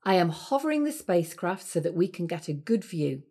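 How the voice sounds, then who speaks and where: A woman playing a calm spacecraft captain, narrating a scripted planetarium tour with a steady, measured cadence. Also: on the low side, slightly rough, full character voice. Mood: calm, guiding.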